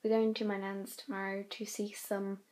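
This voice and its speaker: A woman's voice: mid-range voice, little pitch movement, moderate pace, a little mellow. A teenage girl vlogging casually. Outdoors she walks her dog on a cold street and is out of breath, later she talks to a handheld camera. She rambles and often drops into a whisper. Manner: rambling, chatty, drifts into whispers. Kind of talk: casual vlog chat.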